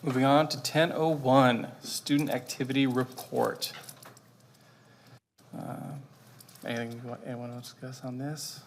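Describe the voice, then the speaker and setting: A man serving as board president, running through agenda items in a brisk procedural way. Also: mid-range voice, level tone, a little hiss or hum. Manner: brisk procedural, trailing off quietly. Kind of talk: chairing a meeting.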